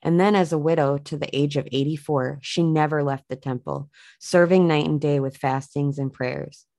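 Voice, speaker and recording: A woman with a low, grounded voice reads Bible passages aloud as a show host. Between passages she speaks earnestly, pausing and filling gaps with "um" and "you know." The recording is close and dry. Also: fairly even intonation, creaky, darkish tone, no echo. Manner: earnest, halting with fillers when speaking off the cuff. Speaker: podcast host reading scripture. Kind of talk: Bible reading with informal reflection.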